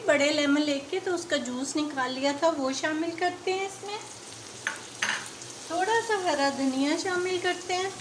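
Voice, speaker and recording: At the stove in an echoey kitchen, a high-pitched woman hosts a casual home cooking video, chatting and explaining each step while food sizzles loudly in the noisy background.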